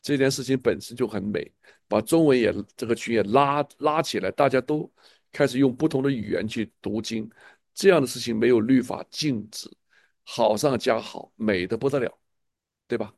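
A man's voice: medium pitch, normal speed, gravelly, darkish tone, no room sound. A man leading a casual church chat, speaking with enthusiasm and a preachy manner, often repeating himself. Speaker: church leader.

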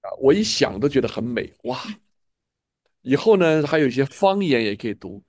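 A man's voice: mid-range voice, sing-song, moderate pace, darkish tone, no echo, studio quality. A man leading a casual church chat, speaking with enthusiasm and a preachy manner, often repeating himself. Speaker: church leader.

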